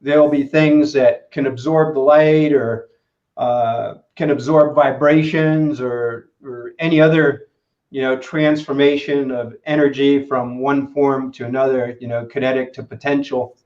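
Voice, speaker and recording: A man answering interview questions as a materials expert, halting and full of fillers. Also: mid-range voice, steady tone, a little mellow. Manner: halting, many "uh" and "you know" fillers. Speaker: guest expert in materials engineering. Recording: roomy, dull lo-fi sound.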